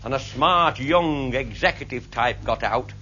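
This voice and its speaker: A man's voice: medium pitch, a little slow, bright, forceful tone, soft background music. A man telling comic stories to a live audience, broad and earthy, swearing freely and voicing the people in his tales. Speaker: raconteur. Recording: muffled old live recording with audience laughter.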